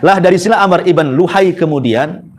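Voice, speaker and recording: A man preaching in an Indonesian Quran study lecture. He tells the story in a lively way, filling pauses with "eh" and correcting himself as he goes. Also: high voice. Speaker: Islamic preacher. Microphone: microphone with audio trouble.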